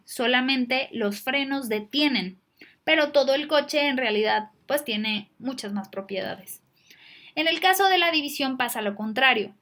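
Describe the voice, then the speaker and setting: A woman's voice: on the high side, fairly bright tone. A woman teaching a recorded lecture on logic, explaining step by step with fillers and rhetorical questions.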